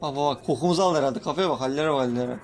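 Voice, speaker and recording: Speaking rapid-fire at a medium pitch, this young man narrates a casual Let's Play for his YouTube gaming audience. Creatures on screen make him nervous and jumpy, and he excitedly curses them in a playful way while chatting to viewers. A faint hiss or hum sits under the recording.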